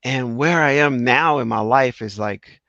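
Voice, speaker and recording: A middle-aged man hosts an interview in a casual, earnest way, testifying from his own life and repeating points for emphasis. His mid-range voice is unhurried, bright and forceful, with vocal fry. The sound is dry and slightly dull, with no echo.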